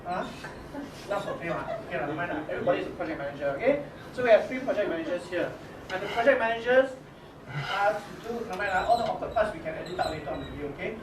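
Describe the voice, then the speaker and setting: A man with a high voice and a Singaporean English accent leads a workshop and introduces his team to teachers. His casual talk is expressive but halting, full of restarts and "okay?" checks. He's recorded from a distance in an echoey, noisy room.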